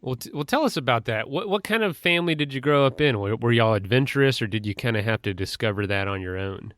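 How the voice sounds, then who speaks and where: Upbeat podcast host, dry close voice. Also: male voice, mid-range voice, lively intonation, fast, fairly bright tone, no echo. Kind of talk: podcast intro and interview.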